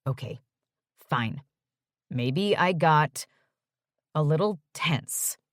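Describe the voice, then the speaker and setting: A woman's voice: low-pitched, lively intonation, extremely slow, no room sound, studio quality, full character voice. A woman voicing an uptight young man who answers curtly and mutters when annoyed. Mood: irritated. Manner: curt and muttering.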